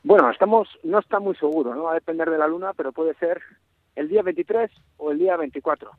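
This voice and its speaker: A male correspondent calling in on a thin phone line with no bass, his voice muffled by a face mask, talking casually with many restarts. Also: quick pace, no room sound. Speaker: foreign correspondent. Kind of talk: casual live call-in chat. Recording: dry, tinny phone line.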